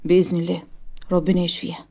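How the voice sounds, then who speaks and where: A woman with an Egyptian accent voicing a gentle young man in a wheelchair in a cartoon story, speaking softly and low. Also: monotone, racing, creaky, breathy edge. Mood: reassuring.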